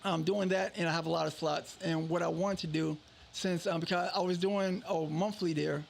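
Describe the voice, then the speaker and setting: A man's voice: fairly high pitch, fairly even intonation, moderate pace, creaky. A man, a guest promoting his events, talking casually with many hesitations. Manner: hesitant, many fillers and restarts. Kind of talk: casual radio interview.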